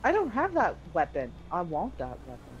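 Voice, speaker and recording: Young woman, from canada, giggly, teasing, swears a lot, lively swooping pitch. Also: moderate pace, muffled recording, slight background noise. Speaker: gamer. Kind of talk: casual gameplay chat.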